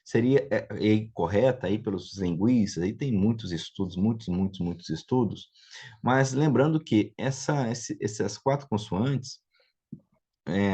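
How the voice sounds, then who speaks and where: A man's voice: on the low side, a little mellow. A man with a Brazilian Portuguese accent giving an informal classroom lecture on biblical Hebrew, explaining step by step and often checking that his students follow. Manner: explanatory, checks understanding with frequent tag questions. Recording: dull lo-fi recording.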